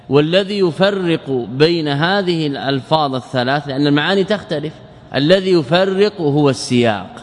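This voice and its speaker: A man teaching a morphology lesson, asking his listeners questions, answering them himself and stretching out word patterns slowly. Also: a little high, long reverb tail. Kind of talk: classroom lesson explaining a verse text.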